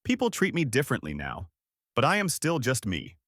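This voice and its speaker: Narrator's take on a humble janitor, modest and plain, dry studio sound. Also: male voice, mid-range voice, huge pitch swings, brisk, a bit bright, no room sound. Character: humble middle-aged male janitor, modest and quiet.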